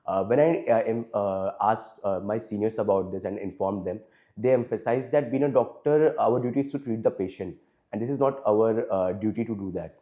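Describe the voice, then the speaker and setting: A man's voice: lowish voice, normal speed, dull audio. Hesitant Indian English-speaking young man. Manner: hesitant, frequent fillers, deferential, adds "sir" often. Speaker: interview candidate. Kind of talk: formal mock interview answers.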